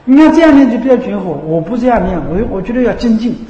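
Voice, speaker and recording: A man with a high yet mellow voice gives a dharma talk as a Buddhist teacher. He speaks in a chatty way and keeps asking his listeners whether they follow. The sound rings through a roomy hall with a long reverb. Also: lively intonation, fast, dull audio. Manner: conversational, keeps checking with listeners by asking "you know?".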